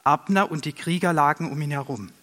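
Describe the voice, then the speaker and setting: A man narrating a Bible story aloud in a steady, measured storytelling manner. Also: fairly high pitch. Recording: long reverb.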